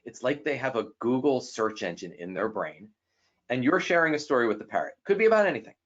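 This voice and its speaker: Over a dull lo-fi recording, a man talks with a guest about personality styles, animatedly playing the people from his stories and hopping quickly in pitch for their quotes.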